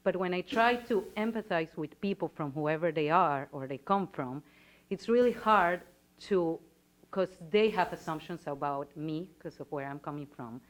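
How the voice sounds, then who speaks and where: A woman's voice: low-pitched, moderate pace. A woman from Venezuela in the audience, earnestly building up a long question to the panel step by step. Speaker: audience member asking a question.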